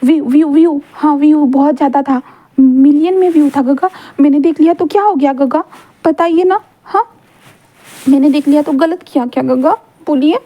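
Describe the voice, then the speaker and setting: A woman's voice: high-pitched, moderate pace, warm tone, close to an everyday voice. Woman doing a whiny childish young man. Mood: earnest pleading. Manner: pleading, rambling, many fillers.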